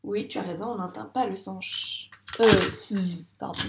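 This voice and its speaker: A woman's voice: medium pitch, steady tone, a little fast, gravelly, roomy sound, a little hiss or hum. A woman teaching first-grade phonics to young children, patiently stretching out sounds and syllables.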